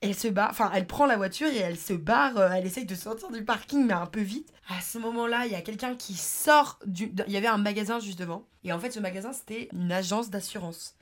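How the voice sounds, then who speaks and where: A woman's voice: medium pitch, quick pace, few pauses. A young adult woman hosting a podcast, telling personal anecdotes in a casual, slangy way with lots of fillers. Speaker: podcast host.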